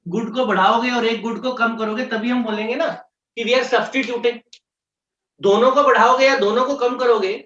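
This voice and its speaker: A man teaching economics, explaining step by step and slowly repeating key terms. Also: very high voice, fairly bright tone. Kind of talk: classroom lecture mixing Hindi and English. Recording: echoey room, distant mic, dull sound.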